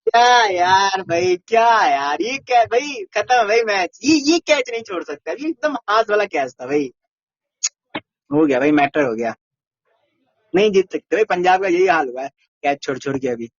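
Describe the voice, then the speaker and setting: An Indian man giving casual, excited live cricket commentary, exclaiming and arguing as he reacts to the play. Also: high-pitched, moderate pace, no room sound. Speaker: cricket watch-along commentator. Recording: dull, lo-fi dry voice.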